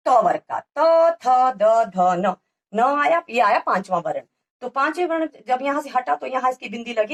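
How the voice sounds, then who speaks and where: A woman teaching a grammar lesson to children, patiently spelling out letters one by one. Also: on the high side.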